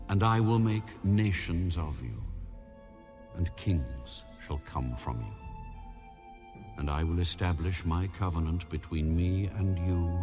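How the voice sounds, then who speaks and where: A man playing a solemn, commanding God in a dramatized audio Bible, speaking slowly and with authority. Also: sits low. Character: Almighty God, solemn, commanding ancient male deity. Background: background music.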